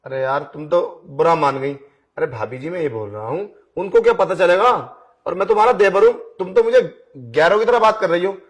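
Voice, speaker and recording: Playing a pushy blind young man in a Hindi audio drama, a male voice actor coaxes and wheedles without letting up. His voice sits at an ordinary middle pitch, animated at a normal speed and close to how he'd sound day to day.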